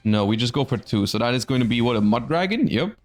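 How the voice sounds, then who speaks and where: Man, tournament host, live card game commentary, conversational announcer delivery, medium pitch, music behind. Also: lively intonation, quick pace.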